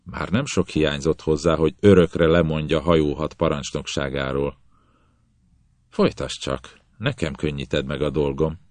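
A man reading a novel aloud in the first person, calm and measured. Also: extremely low pitch, no echo. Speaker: audiobook narrator.

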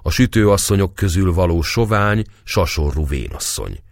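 A man reading a novel aloud as a measured, expressive audiobook narrator. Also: low voice, no room sound, clean studio sound.

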